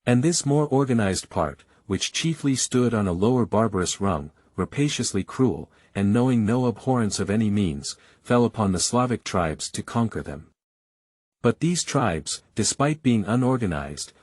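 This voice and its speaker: A man with a low, husky voice delivers a historical parliamentary speech in a declamatory voice-over. His tone is oratorical and insistent, recorded dry and close with no room around it. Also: animated, moderate pace, a little mellow, no room sound.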